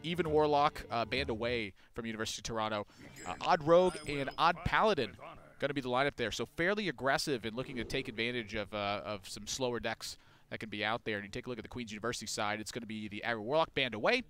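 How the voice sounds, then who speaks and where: A young man co-casting a collegiate card game tournament, breaking down deck lineups with quick, joking asides. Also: medium pitch, fairly bright tone. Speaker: esports co-caster. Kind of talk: tournament commentary.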